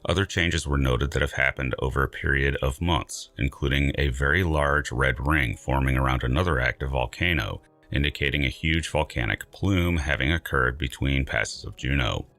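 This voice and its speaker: A man reading scripted science narration in a measured, emphatic, dryly wry way. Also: very deep voice, fairly bright tone, dry recording.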